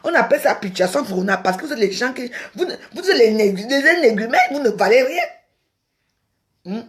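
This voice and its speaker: Her voice sits a little high and sounds animated as she speaks at a moderate pace. The Cameroonian woman is ranting heatedly on a livestream, berating and ridiculing rivals while frequently saying the same things again.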